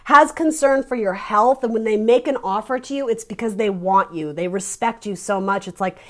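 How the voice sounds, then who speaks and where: A woman giving a casual tarot reading, chatty and animated, restarting her sentences and laughing between thoughts. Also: medium pitch, normal speed. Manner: laughs often while talking. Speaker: tarot reader.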